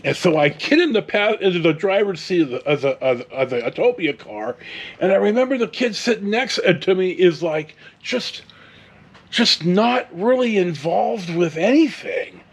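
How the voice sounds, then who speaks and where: A high, animated voice with a breathy edge comes from a Californian host in his 60s talking at normal speed. He tells his story casually, wandering off on tangents and using mild profanity.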